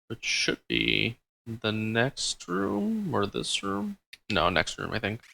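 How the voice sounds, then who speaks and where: A man's voice: mid-range voice, very animated, slow, creaky, pushed and bright. A man hosting a let's play, giving casual gameplay commentary and thinking aloud with frequent ums and uhs.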